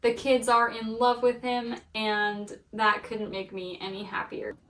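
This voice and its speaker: Woman, thirties, casual personal storytelling, gushing, laughs often, slightly high voice, distant mic, echoey room. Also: steady tone, unhurried, a bit bright. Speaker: vlogger and mother telling her birth story.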